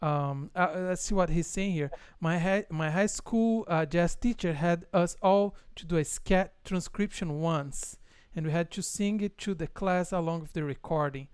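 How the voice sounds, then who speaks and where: A man with a Brazilian Portuguese accent, a native Portuguese speaker, hosting a casual online interview as a guitar teacher, relaxed, with many fillers and frequent laughs. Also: fairly high pitch, normal speed, clear, resonant tone, no echo, studio quality.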